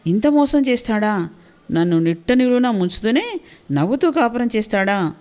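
An indignant middle-aged wife shouts her demands with stubborn defiance, voiced by a woman storyteller. This is a storybook reading in which she refuses to back down. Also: a little high, very animated, moderate pace. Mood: outraged.

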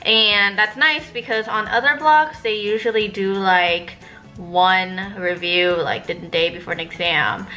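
A woman's voice: medium pitch, steady tone, a little slow, sharp tone, soft background music. A woman in her twenties, a nursing student, chatting casually to camera in a vlog, full of "like" and "um". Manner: chatty, filler-heavy, uses "like" a lot.

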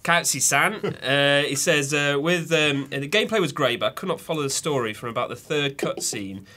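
A man's voice: a little high, moderate pace, sharp tone. A man co-hosting a casual podcast chat, hesitant with many fillers and frequent laughter. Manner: hesitant, full of uhs, laughs often. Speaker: podcast co-host.

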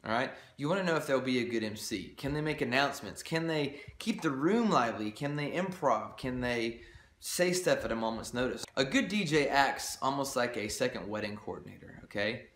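Man presenter, upbeat and chatty, mid pitch, echoey room with light background noise. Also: fairly quick. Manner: upbeat, lively emphasis, conversational asides. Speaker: DJ company presenter. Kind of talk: scripted advice video.

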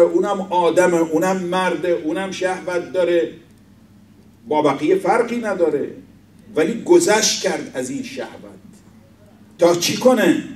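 A man's voice: high voice, a little mellow. A man giving a religious sermon, telling a story and quoting its figures with rising emphasis. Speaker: speaker at an Islamic center. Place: mosque hall. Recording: echoey hall, voice from far off.

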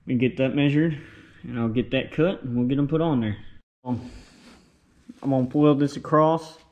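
A man's voice: mid-range voice, no echo. A young man talking casually through his farm work, rambling as he goes. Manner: relaxed, rambling, talks while working. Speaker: farm vlogger. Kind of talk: casual first-person workshop vlog. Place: outdoors on a farm and in a workshop.

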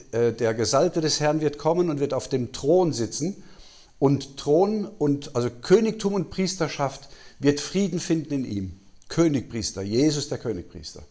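A man's voice: mid-range voice, darkish tone. A man giving a Bible teaching at a conference, putting questions to his audience, answering them himself and often tagging "ja?". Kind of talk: sermon-style Bible teaching. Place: conference hall.

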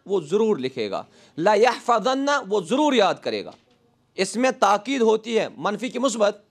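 A man teaching a grammar lesson in a classroom, asking his class questions and answering them himself, saying each Arabic example slowly and then translating it. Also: high-pitched.

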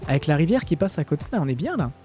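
Un streamer français sans accent qui commente un simulateur de vol en direct, lit le chat et plaisante, avec beaucoup d'hésitations. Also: male voice, a little high, very animated, racing, dark tone, soft background music. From France. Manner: chatty, joking, many hesitations. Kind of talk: live-stream flight sim commentary, reading chat.

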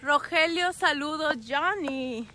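A woman's voice: high voice, slow, sharp tone, rough recording. A woman truck driver, chatting casually with viewers on a live stream from a phone outdoors at a rest area, greeting them by name and laughing often. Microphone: phone held at arm's length.

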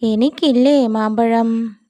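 A woman's voice: on the high side, steady tone, takes it slowly, mellow. A woman doing a plaintive hungry little myna bird. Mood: pleading. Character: small hungry female myna bird, pleading.

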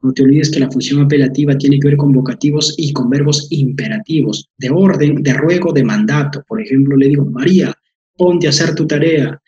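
A man's voice: medium pitch, a little fast, hardly any pauses, darkish tone, dull audio. A man, teaching an online language lesson, explaining patiently with fillers and repeated terms.

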